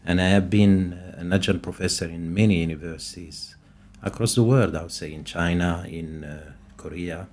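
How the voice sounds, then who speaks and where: A man's voice: low voice, fairly even intonation, normal speed, a little mellow. A man with a Moroccan accent, a native speaker of Moroccan Arabic, answering as a scientist guest in a conversational interview. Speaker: podcast guest, scientist and professor.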